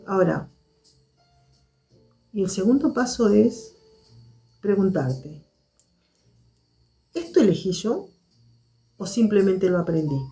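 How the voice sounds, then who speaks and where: Very animated yet measured and reflective, a woman with a dark-toned, mid-range voice talks to viewers on her live stream. Soft background music plays as she goes back over her main points.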